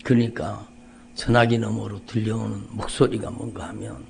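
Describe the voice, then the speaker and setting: A middle-aged man, a pastor giving an emotional testimony in a dawn sermon, repeating phrases and swinging between quiet and loud. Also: on the low side, fairly even intonation, normal speed, creaky, slight background noise. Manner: emotional, repetitive, rising and falling intensity. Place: church sanctuary.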